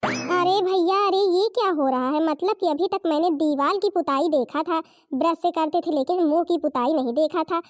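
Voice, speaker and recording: Lady doing a scoffing village gossip in a cartoon, high voice, dry close sound. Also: moderate pace, no echo. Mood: mocking. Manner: scoffing, mocking tone. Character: gossiping village woman onlooker, mocking.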